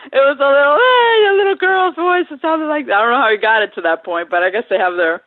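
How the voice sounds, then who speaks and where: A woman's voice: sits high, lively intonation, fast talker, dry recording. A woman guest singer telling stories in a casual interview, laughing often and acting out the voices of people she quotes. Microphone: phone line. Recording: tinny phone line.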